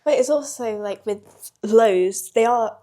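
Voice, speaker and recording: Teen girl hosting a podcast, highish voice, asks stuff and jumps in to agree. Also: dark tone. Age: teens. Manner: asks questions, joins in with quick agreement. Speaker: podcast host. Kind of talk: casual interview.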